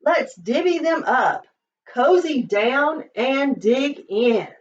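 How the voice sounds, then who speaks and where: A woman's voice: high voice, expressive, takes it slowly, a little hiss or hum. Woman voicing a friendly storybook badger, slightly distant. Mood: cheerful, inviting. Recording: slightly dull, distant microphone.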